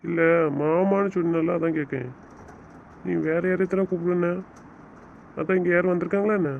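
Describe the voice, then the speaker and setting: A man with a high-sitting, gravelly voice performs a stern yet loving young husband in an audio drama, speaking in a steady tone at a moderate pace. He scolds and lectures before turning to coaxing, and the dull lo-fi recording carries faint noise.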